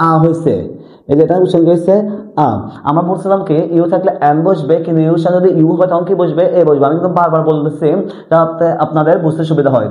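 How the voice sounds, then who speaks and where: A man teaching an English grammar lesson, repeatedly asking and answering his own questions. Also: fairly high pitch. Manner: repetitive question-and-answer drilling. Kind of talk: classroom-style lesson explanation. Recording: tinny lo-fi audio in an echoey room.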